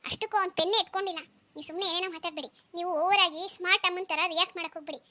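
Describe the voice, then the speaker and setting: A woman voicing a rude, arrogant neighbour mother in a cartoon, accusing and sharp. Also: very high-pitched, steady tone, very fast. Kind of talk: cartoon dialogue.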